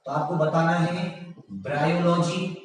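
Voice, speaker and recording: A man teaching a general science class online, reading out quiz options slowly and praising his students often. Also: on the high side, steady tone, heavy reverb, big-room sound, distant mic, poor audio.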